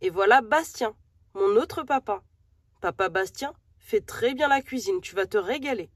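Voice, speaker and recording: A woman's voice: mid-range voice, animated, normal speed, dry recording, studio quality, lightly acted. A woman voicing a friendly, proud young male calf in a storybook, as if reading to a toddler.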